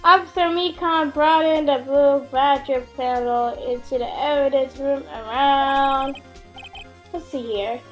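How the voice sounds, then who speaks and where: High-voiced woman reading game lines playfully. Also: steady tone, unhurried, fairly bright tone, soft background music, low-quality recording. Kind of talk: amateur dramatic reading of video game dialogue.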